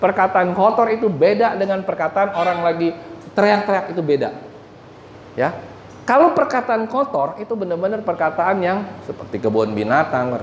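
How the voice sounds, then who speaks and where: A man's voice: high voice, lively intonation, normal speed, highs cut off. Male pastor, sermon, jokey, quizzes the crowd, echoey church hall, faint background noise. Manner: jokey, questions the congregation.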